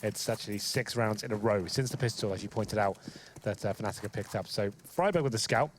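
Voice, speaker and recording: A man's voice: fairly low pitch, brisk, slight background noise. A man giving tactical color commentary on a competitive shooter match, analytical and casual, with frequent fillers.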